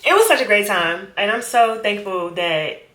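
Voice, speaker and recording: A woman, loose and chatty, with plenty of slang and laughter. Her voice sits in a middle pitch range. The sound bounces around an echoey room. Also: lively intonation, moderate pace, a bit bright. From Richmond, Virginia. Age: 20s. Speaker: vlogger. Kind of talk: casual get-to-know-me vlog.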